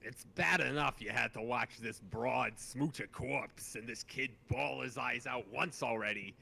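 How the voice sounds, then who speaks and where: A man's voice: mid-range voice, a little slow, vocal fry, bright, forceful tone, slightly rough. A man reading a webcomic's narration aloud in a dry, exasperated way.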